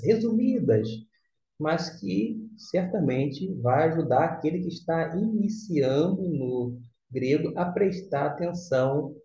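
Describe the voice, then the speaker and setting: Slow, deliberate male teacher in an echoey room. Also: fairly high pitch, warm tone. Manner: slow and deliberate, with many pauses and fillers. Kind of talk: explanatory lesson. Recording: echoey room, dull lo-fi sound.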